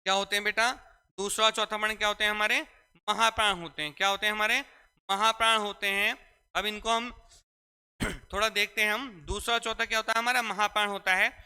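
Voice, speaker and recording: High bright male teacher in echoey hall. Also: fairly even intonation, fairly quick, clean tone. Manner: repetitive call-and-response questioning. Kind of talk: classroom grammar lesson.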